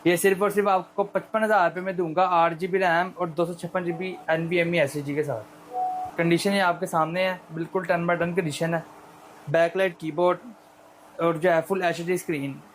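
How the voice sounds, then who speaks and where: A male shop seller with a Pakistani accent giving an unscripted, persuasive sales pitch in repetitive patter. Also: steady tone, normal speed, a little hiss or hum, rough recording.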